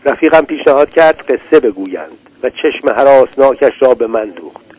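A man reading a literary story aloud in a measured, deliberate way. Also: mid-range voice, lively intonation, darkish tone, slightly rough, low-quality recording. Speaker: narrator. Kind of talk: literary audiobook narration.

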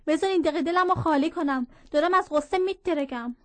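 Brief: a woman doing a frantic, shrieking mother, high and loud. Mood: anguished. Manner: shrieking, desperate. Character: furious grieving middle-aged mother.

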